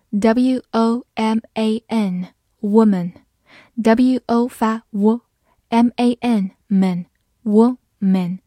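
A woman teaching English vocabulary in a scripted lesson, spelling words letter by letter and reading example sentences slowly. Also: on the high side, warm tone, dry recording, clean studio sound.

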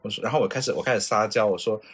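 A man's voice: lowish voice, very fast, slightly rough. A man from China, co-hosting a casual podcast chat, telling stories with lots of energy and acting out the other people in them. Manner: lively storyteller, mimics voices in his stories. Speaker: podcast co-host. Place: lives in Japan.

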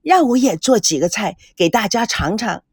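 Woman doing a high, bubbly young city girl. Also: big pitch swings, moderate pace, dry recording, studio quality. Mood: boastful. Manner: chirpy, emphatic.

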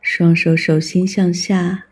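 A meditation guide giving scripted mindfulness instructions in a calm, soothing manner with long pauses between phrases. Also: mid-range voice, husky.

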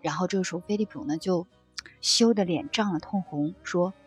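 Soft husky woman reading a book aloud. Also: lowish voice, a little fast, faint music behind. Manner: gentle, conversational, with frequent soft fillers. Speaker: book-sharing presenter.

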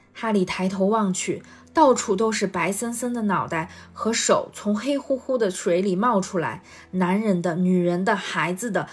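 A woman reading a storybook chapter aloud in a steady, expressive voice. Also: medium pitch, breathy edge. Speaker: guest reader.

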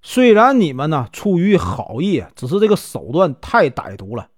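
A man's voice: fairly high pitch, huge pitch swings, normal speed, breathy edge, no echo, studio quality, exaggerated voice. A man voicing Zhu Tong, a proud, upright army officer with a stern manner, in a told story. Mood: indignant.

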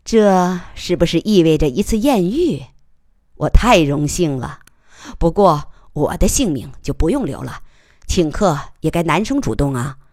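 A woman voicing an even-tempered, wry young plainclothes policeman in a storybook reading. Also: sits low, a little slow, no echo, clean studio sound, full character voice. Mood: calm, wry. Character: calm, smooth-talking young plainclothes policeman.

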